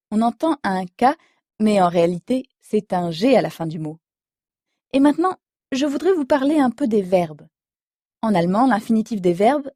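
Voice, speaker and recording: A woman teaching an audio language lesson, explaining slowly and clearly and spelling words out letter by letter. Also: mid-range voice, dark tone, no room sound, clean studio sound.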